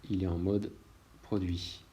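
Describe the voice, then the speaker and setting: A man, an illustrator talking through a screen-recorded software tutorial in a relaxed way, thinking aloud with frequent hesitations. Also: low-pitched, measured pace, a little hiss or hum.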